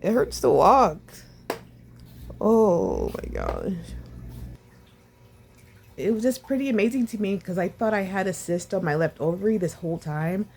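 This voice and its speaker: A woman vlogging casually about her recovery, sore and short of breath, with a sore throat, talking haltingly with sighs and restarts. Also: mid-range voice, a little mellow. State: sore and winded after surgery.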